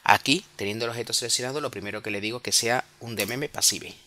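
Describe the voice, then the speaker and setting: Casting: Spanish-accented man, bright tone, patient software tutor, self-correcting, filler-heavy. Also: mid-range voice, rapid-fire. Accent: Spanish from Spain. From Spain. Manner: explanatory, self-correcting, many fillers and tag questions. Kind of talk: screen-recorded software tutorial.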